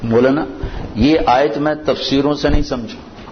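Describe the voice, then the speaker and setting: A man's voice: medium pitch, fairly even intonation. A male preacher from Pakistan giving a sermon, telling stories and reciting verses, repeating key phrases for emphasis. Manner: storytelling with Quranic recitation in Arabic. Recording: old dull lo-fi recording with faint noise.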